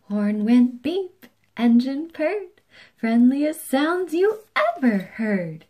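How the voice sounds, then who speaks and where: A woman reads a children's picture book aloud, slowly and with plenty of play in her delivery. Her voice sits a bit high and swings up and down a lot. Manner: animated, playful, slow and expressive. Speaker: storybook reader.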